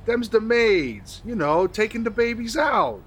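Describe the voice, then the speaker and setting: Lively 1930s beat cop, New flatfoot. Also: male voice, high-pitched, unhurried, slightly rough, full character voice. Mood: earnest. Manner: old-time beat cop slang. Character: flirty, dim 1950s New York working-stiff flatfoot assistant. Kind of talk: period radio comedy acting.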